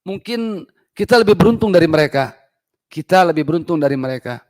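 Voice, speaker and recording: A man's voice: a little high, animated, brisk, darkish tone. A man from Indonesia testifying as a local resident at a parliamentary hearing, earnest and emotional, deferentially addressing the officials again and again. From Indonesia, Parung Panjang. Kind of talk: impassioned public testimony.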